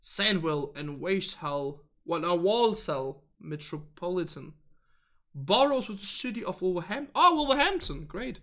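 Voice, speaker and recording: A Danish-accented man hosts a casual game stream, chatting loosely with his viewers, often hunting for the right English word and laughing along the way. His voice sits a little high with a sharp, bright edge. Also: lively intonation, a little slow. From northern Denmark. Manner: chatty and rambling, laughs often, searches for words. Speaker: livestream host reading viewer chat. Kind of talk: casual livestream chat.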